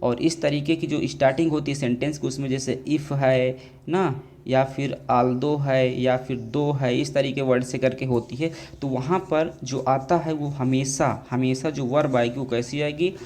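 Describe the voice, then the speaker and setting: A man with a steady, slightly mellow mid-range voice teaches an exam grammar lesson. He keeps asking questions and answering them himself, addresses his students as dear children, and stretches English words out slowly.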